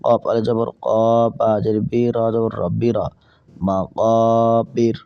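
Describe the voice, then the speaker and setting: A man's voice: on the low side, monotone, vocal fry, warm tone, no echo, highs cut off. A man teaching Quran reading, spelling out each word letter by letter for learners and then reciting the verse. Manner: slow, patient letter-by-letter drilling, then melodic recitation.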